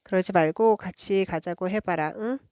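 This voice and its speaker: A woman voicing a pushy, talkative schoolboy friend in a storybook read-aloud, nagging and quick to anger. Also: mid-range voice, darkish tone, clear, resonant tone, no room sound, studio quality, natural voice. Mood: coaxing.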